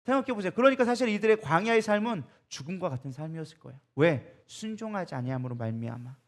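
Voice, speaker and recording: A middle-aged male pastor delivers a sermon at a quick clip, his voice sitting high for a man. He keeps asking the congregation questions and acts out the words of the people and of God in shifting voices. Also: lively intonation.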